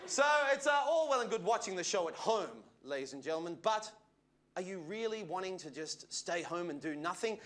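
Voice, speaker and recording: A man with a very high, bright voice hosts a live studio comedy show. He introduces segments in an upbeat, jokey manner, and his pitch moves around a lot. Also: lively intonation, normal speed. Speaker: host. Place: television studio with live audience.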